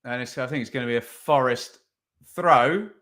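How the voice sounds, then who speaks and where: A man's voice: mid-range voice, normal speed, fairly bright tone. A man hosting a podcast, giving casual live watch-along commentary on a football match, chatty and thinking aloud with tag questions. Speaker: podcast host.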